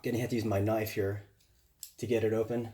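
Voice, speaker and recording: A man's voice: lowish voice, flat delivery, a little fast, mellow, a little hiss or hum. Chatty man unboxing on camera. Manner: chatty, loose, lots of fillers. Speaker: vlogger. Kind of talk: casual unboxing vlog.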